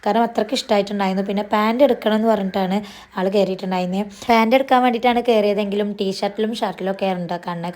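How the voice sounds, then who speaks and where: A vlogger narrates her shopping trip in a chatty voice-over, talking fast and sprinkling in tag particles. Her voice is medium in pitch and a little mellow, though it sounds a little strained after she lost it.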